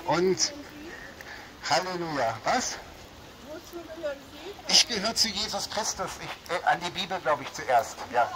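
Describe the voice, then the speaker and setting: Speaking unhurriedly and pausing often, an animated man from Berlin preaches a fervent sermon outdoors, his voice on the high side and a crowd audible behind him. He has a light Berlin accent and leans on "ja" and "Halleluja." He's under a small roof on a rainy shopping street, amplified by a small loudspeaker amid noisy surroundings.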